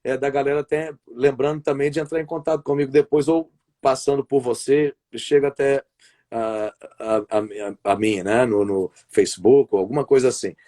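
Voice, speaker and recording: His voice is mid-range and mellow, with fairly even intonation and a moderate pace. He's a Brazilian man who works as a wrestling commentator and play-by-play announcer, chatting casually in a live-streamed interview over a video call. He rambles and often begins his sentences again.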